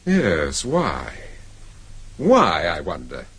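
An actor playing an urbane, composed gentleman investigator in a radio drama. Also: low-pitched, huge pitch swings, very slow, breathy edge, full character voice.

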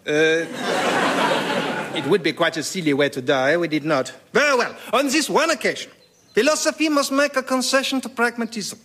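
A man's voice: high voice, moderate pace, fairly bright tone. A man playing a pompous Voltaire with an outrageous put-on French accent. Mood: grandiose. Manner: theatrical, grandiose. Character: pompous male Voltaire, showy philosopher.

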